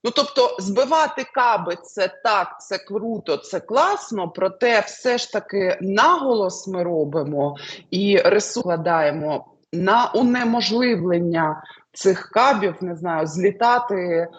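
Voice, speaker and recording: Husky woman musing over predictions. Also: mid-range voice, expressive, measured pace. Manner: hesitant, many fillers and trailing lists. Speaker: astrologer answering questions. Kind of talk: casual spoken predictions.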